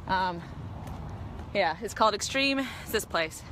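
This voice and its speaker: A woman's voice: medium pitch, animated, measured pace, a bit bright, a little hiss or hum. A shaken woman filming on her phone in an outdoor store parking lot, pleading and tearful. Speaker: mother filming a confrontation. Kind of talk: phone video narration. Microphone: handheld phone.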